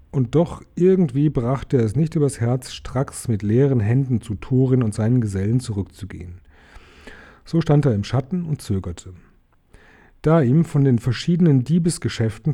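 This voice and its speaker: Male storybook reader, calm and measured, very dark mellow tone. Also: medium pitch. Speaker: audiobook reader. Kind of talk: storybook reading.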